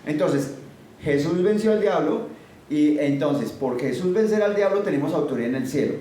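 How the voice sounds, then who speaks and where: A man's voice: on the high side, lively intonation, moderate pace, dark tone. A man preaching a sermon emphatically, firing rhetorical questions at his listeners. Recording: very echoey, far from the mic, faint noise.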